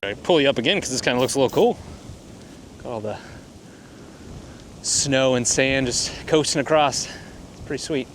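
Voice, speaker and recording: Mid-walk on a cold, windy morning, a male photographer vlogs casually, laid-back and self-deprecating. He speaks at medium pitch and a moderate pace, pausing often, as heavy wind hits the mic.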